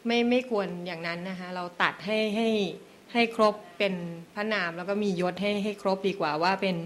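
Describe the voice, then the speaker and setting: A woman's voice: medium pitch, a little fast, a little hiss or hum. A woman lecturer at a meeting, carefully and politely explaining reading rules step by step. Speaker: invited lecturer.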